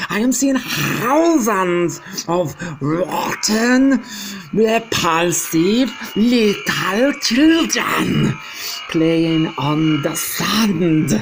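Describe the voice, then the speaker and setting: Grand High Witch, shrieking tyrant. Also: heavily acted. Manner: screaming, drawn-out, ranting. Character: furious screeching female witch leader, tyrannical. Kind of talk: audiobook character voice.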